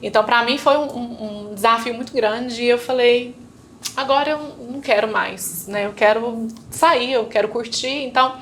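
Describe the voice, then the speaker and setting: Guest with a fairly high Brazilian voice and faint room noise behind; recounts a personal story, voicing the people in it. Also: female voice, moderate pace. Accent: Brazilian Portuguese. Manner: storytelling, acting out remembered dialogue, frequent tag questions. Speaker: interview guest. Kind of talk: personal testimony in casual chat.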